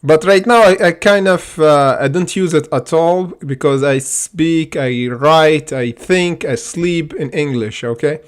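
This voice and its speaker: With a slightly high voice, this Arabic-speaking stock trading livestreamer talks unhurriedly and with few pauses. He gets excitable as he casually walks through charts, saying "okay?" again and again amid many fillers.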